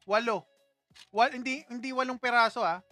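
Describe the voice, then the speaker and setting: A man's voice: very high voice, moderate pace, sharp tone, no room sound, soft background music. A man hosting a casual livestream, chatting with viewers in a playful, teasing way and laughing often. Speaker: livestream host.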